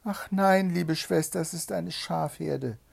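A man doing Sister Anna, a high calling girl. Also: measured pace, creaky, darkish tone, husky, exaggerated voice. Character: young sister keeping watch from a tower.

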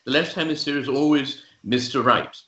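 Lowish guy explaining stuff slowly, lots of ums and restarts, echoey room, kinda muffled. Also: a bit bright. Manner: measured, hesitant with fillers and restarts. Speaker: guest author. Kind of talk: thoughtful explanatory interview talk. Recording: roomy, dull lo-fi sound.

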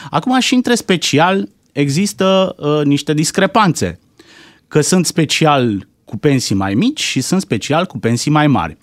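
A man's voice: on the high side, animated, no room sound, studio quality. A man giving heated, indignant political commentary on a talk show, firing off rhetorical questions.

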